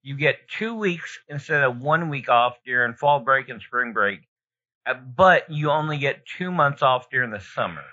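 A man's voice: mid-range voice, animated, normal speed, sharp tone. A man hosting a podcast in a casual, conversational style. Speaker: podcast host. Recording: slightly dull, lo-fi podcast sound.

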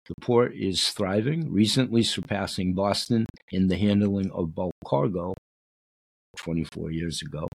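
A middle-aged man speaks in a low, creaky, rough-edged voice. He reads aloud casually as a host, often wandering into asides and repeating himself. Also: no room sound, poor audio. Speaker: show host reading from a book.

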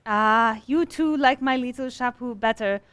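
A woman's voice: fairly high pitch, a little slow, a bit bright, clear, resonant tone. An actress playing a gracious French lady hatmaker with a French accent and ornate manner in a radio comedy. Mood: proud, wistful. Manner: ornate phrasing with French words. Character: charming French lady milliner, gracious, theatrical, wistful. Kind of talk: old-fashioned radio comedy acting.

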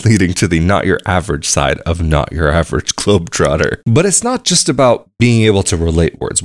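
With a voice on the low side, a young adult man rambles through a casual travel podcast monologue by himself, thinking aloud as he chats. The audio is studio quality with no room sound.

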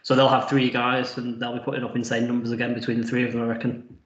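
A man chatting casually on a sports podcast, quick and full of fillers and restarts. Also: mid-range voice, level tone. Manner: quick, filler-heavy analysis with many restarts. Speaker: podcast guest. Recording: dull roomy lo-fi audio.

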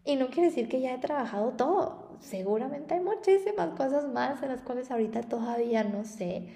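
A woman's voice: fairly high pitch, warm tone, echoey room. A young woman with a Mexican Spanish accent, hosting a podcast in a chatty storytelling monologue that is often broken by laughter. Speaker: podcast host and spiritual therapist. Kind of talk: casual spoken monologue.

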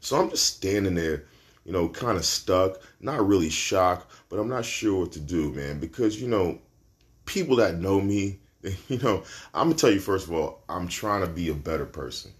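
A man from Brooklyn with a New York accent, hosting a solo podcast and telling a story in a casual, slangy, profane way that jumps up in pitch for punchlines. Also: expressive, normal speed. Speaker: podcast host.

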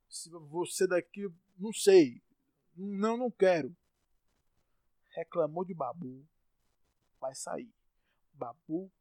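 A Brazilian man with a mid-range voice hosts his own solo podcast, ranting in exasperation. He bursts out loudly at times and stumbles over repeated words when worked up. The recording is dry.

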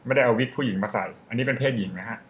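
A man's voice: medium pitch, rapid-fire. A young man chatting on a podcast, talking through a topic in a loose, rambling way. He often admits he is guessing and carries on explaining in an easygoing, conversational voice. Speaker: podcast co-host. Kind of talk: casual podcast chat.

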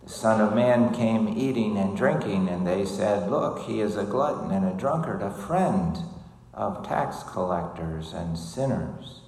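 A man serving as priest, reading the gospel and preaching a homily in a measured way with some hesitant fillers, his voice ringing with cathedral echo. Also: fairly low pitch, animated, a little mellow. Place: large church. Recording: echoey church hall with long reverb.

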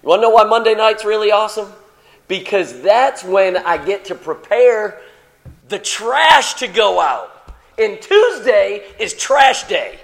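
Animated high-voiced preacher man. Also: measured pace, gravelly. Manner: animated and playful, swings from soft asides to excited shouts. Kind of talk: sermon.

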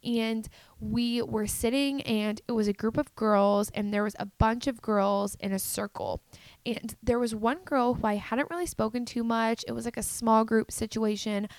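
A woman's voice: a little high, fairly even intonation, moderate pace, dry recording. A young adult woman telling a personal story to her viewers in an earnest, confessional way, full of "like" and "um". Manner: earnest, confessional, many fillers like "like". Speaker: vlogger.

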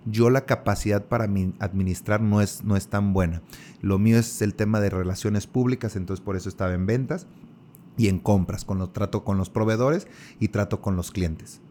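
A man with a Mexican accent, a guest in a casual interview, telling stories in relaxed, slangy talk. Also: on the low side, normal speed, a little hiss or hum. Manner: relaxed, storytelling, uses colloquial slang.

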